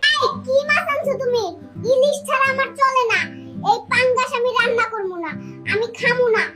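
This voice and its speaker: A high cartoon voice doing a whiny wife. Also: fairly even intonation, normal speed, over loud music. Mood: whiny sulking. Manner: whiny, sulky, dramatic. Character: fussy wife who wants only hilsa fish. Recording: loud background noise.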